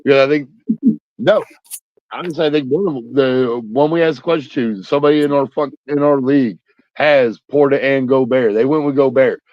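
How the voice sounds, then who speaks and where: A man's voice: mid-range voice, a little fast, dry recording. Male co-host for a casual sports chat, blunt and profane, recorded dry and a bit dull. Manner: blunt, profane, joking, says "like" a lot. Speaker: podcast co-host. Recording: dry, slightly dull sound.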